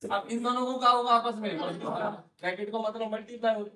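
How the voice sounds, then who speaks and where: High-voiced man teaching maths in echoey room. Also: steady tone, moderate pace, bright, forceful tone. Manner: coaxing, quizzes students, repeats answers. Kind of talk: classroom maths lesson. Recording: echoey room, voice from far off mic.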